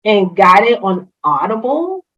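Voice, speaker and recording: An HR consultant speaks enthusiastically as a guest in a casual interview chat, with many fillers and restarts. French is her first language, and she comes from a Haitian family and grew up speaking French and Creole. Her medium-pitched voice is sing-song, unhurried and a bit bright, though the audio is poor.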